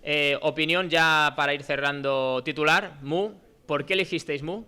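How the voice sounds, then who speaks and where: A man's voice: on the high side, fairly even intonation, normal speed, pushed and bright, clear, resonant tone. A man hosting a casual podcast, asking playful, teasing questions of his student guests. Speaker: podcast host.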